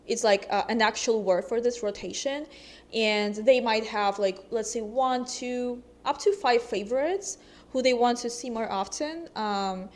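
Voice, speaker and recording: A woman's voice: a little high, unhurried. A young woman from Russia, a vlogger chatting casually to camera, hesitant and full of ums.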